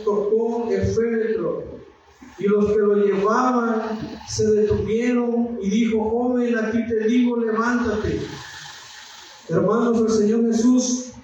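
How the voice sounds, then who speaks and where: A male pastor preaching a sermon, often calling his listeners brothers and pausing to search for words. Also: high voice, darkish tone, a little hiss or hum. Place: church hall. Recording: very echoey room from far off.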